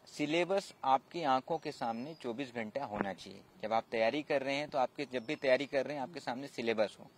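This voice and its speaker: A man's voice: medium pitch, brisk, hardly any pauses, slight background noise. A man who is a civil services officer, giving preparation advice as a guest in an interview, explaining patiently and repeating his key points.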